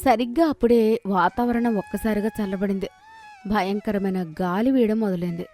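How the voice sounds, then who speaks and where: A woman narrating a children's moral cartoon story in a steady, measured way. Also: medium pitch, soft background music.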